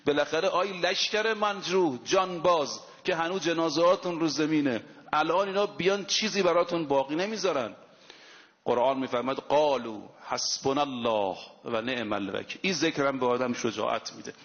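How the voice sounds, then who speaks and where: A man's voice: fairly high pitch, a bit bright. A man preaching a sermon, telling stories with emphasis and quoting Arabic scripture. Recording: long hall reverb, dull lo-fi sound.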